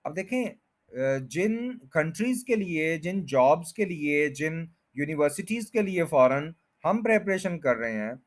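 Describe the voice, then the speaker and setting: A male language teacher with a slightly high voice, talking at an unhurried, deliberate pace. He sounds out each word syllable by syllable, then says the whole word again and again in a patient drilling manner. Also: expressive. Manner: breaks words into syllables and repeats them slowly. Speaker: English pronunciation teacher. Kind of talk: explanatory language lesson.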